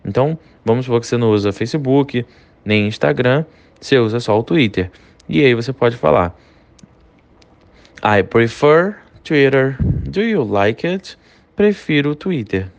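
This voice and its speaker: A Brazilian man teaching English in a recorded lesson, saying English phrases slowly and repeating them, then explaining quickly in Portuguese. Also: medium pitch, vocal fry. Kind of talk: recorded online language lesson.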